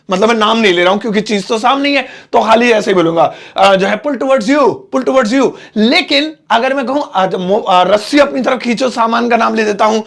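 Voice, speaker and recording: A man with an Indian accent teaching English phrases in Hindi, chatty, often repeating each phrase slowly word by word. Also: sits high, gravelly, a bit bright. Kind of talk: Hindi-medium English lesson.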